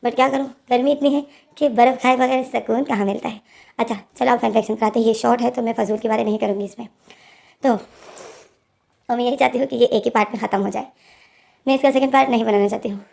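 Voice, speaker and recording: A woman's voice: fairly high pitch, fairly even intonation, fast, creaky, a little mellow. A young woman with a sore throat, chatting to her viewers as she reads out a short fan fiction. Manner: chatty, talks to the audience. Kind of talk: casual story reading.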